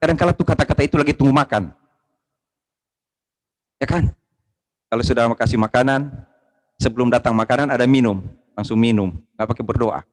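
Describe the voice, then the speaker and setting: A man preaching a sermon with passion, rising to loud exclamations and dropping to low asides, joking casually with the congregation. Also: brisk, pauses often, poor audio. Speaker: pastor. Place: church service streamed online.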